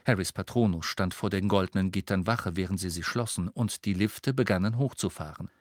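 A man narrating an audiobook in a steady storytelling voice. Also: low voice, brisk, no room sound, clean studio sound. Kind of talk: scripted narration.

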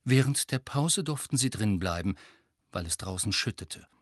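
A man narrating an audiobook in a calm, even storytelling manner. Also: lowish voice, moderate pace, dry recording, clean studio sound.

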